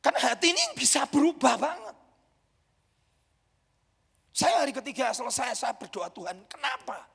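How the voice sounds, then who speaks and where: A man with an Indonesian accent preaching a sermon, emphatic and dramatic, with sudden loud peaks. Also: extremely high pitch, very animated, normal speed, vocal fry, slightly rough. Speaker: pastor. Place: church hall. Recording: reverberant church hall.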